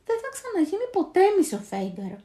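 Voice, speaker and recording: A woman's voice: very high voice, huge pitch swings, mellow, reverberant, pitched above the performer's own voice, heavily acted. Woman voicing an eager little moon-coverer boy. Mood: worried pleading. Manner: earnest, cries out with all his strength. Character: small eager young male moon-coverer.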